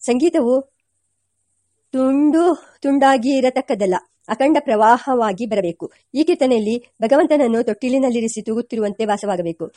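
A woman voicing a humble, gentle village violin teacher, a man who speaks politely and explains patiently. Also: on the high side, normal speed, dry recording, clean studio sound, lightly acted. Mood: humble, explaining.

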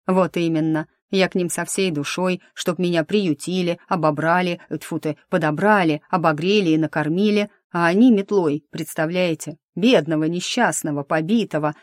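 A woman's voice: on the low side, no room sound, clean studio sound, natural voice. A woman voicing a cheeky, theatrical young male dragon prankster who boasts and sulks, in a storybook reading. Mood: aggrieved. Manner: boastful, sulky, drawn-out complaints.

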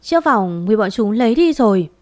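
A woman's voice: on the high side, very animated, moderate pace, no room sound, clean studio sound. A woman voicing a frightened older mother who pleads in a quavering voice, in an audio story. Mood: stammering.

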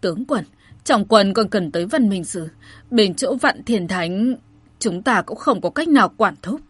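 A woman voicing a nimble old male steward who explains things quietly and patiently. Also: medium pitch, expressive, unhurried, breathy edge, no room sound. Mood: placating.

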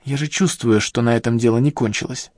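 A man's voice: medium pitch, a little fast, a little mellow, no room sound, clean studio sound, close to an everyday voice. A man reading the lines of a persistent young woman scientist in an audiobook, with a pressing, questioning manner. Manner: pressing, questioning, near the reader's own voice.

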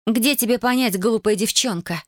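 A woman's voice: a little high, moderate pace, no echo, voice pushed up, lightly acted. Theatrical young older sister, read by a woman; slightly raised, dry close voice. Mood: dismissive. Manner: theatrical, conspiratorial.

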